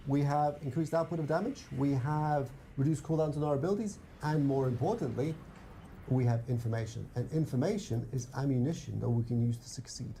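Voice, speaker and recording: A man, a game developer, calmly and instructively talking through his gameplay demo. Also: medium pitch, fairly quick, slight background noise.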